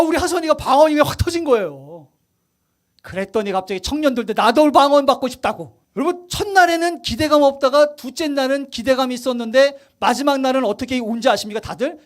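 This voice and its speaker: Casting: a pastor with a very high voice that rises and falls a lot, lively sermon storytelling. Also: male voice. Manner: animated storytelling, acts out quotes and asks the congregation questions; drops to quiet, soft emphasis at points.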